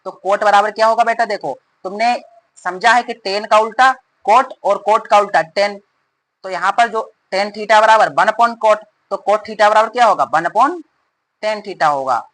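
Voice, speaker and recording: A male math teacher explaining formulas in a rapid, repetitive way and calling his students "beta". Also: high voice, fairly bright tone, rough recording. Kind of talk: fast classroom explanation.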